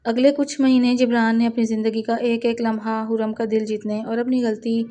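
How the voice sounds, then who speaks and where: A woman narrating a romance novel in a steady, dramatic storytelling manner. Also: fairly high pitch.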